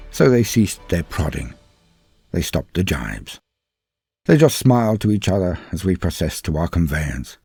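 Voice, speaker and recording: A deep, husky male storyteller with a darkish tone narrates fan fiction in a dramatic, scripted first-person style, with music playing in the background.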